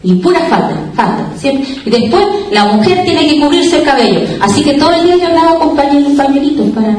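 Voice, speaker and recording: Woman preacher, higher voice, testimony sermon, distant mic in a very echoey hall. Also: lively intonation, brisk, noisy background. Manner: testimony told with acted-out dialogue. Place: church hall. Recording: echoey church hall from far off.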